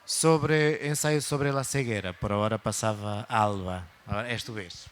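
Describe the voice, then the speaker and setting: A man's voice: lowish voice, normal speed. A man, a native Portuguese speaker, talking in Spanish with a Portuguese accent as a guest at a book event, hesitant and searching for words. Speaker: guest speaker, literary foundation director. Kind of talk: talk at a book fair event.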